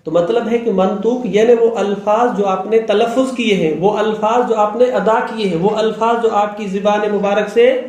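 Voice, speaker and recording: Male lecturer, higher voice, patient and repetitive, very roomy classroom sound. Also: fairly even intonation, a little mellow. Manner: slow, repeats terms, checks students' understanding. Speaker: seminary teacher. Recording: very echoey room.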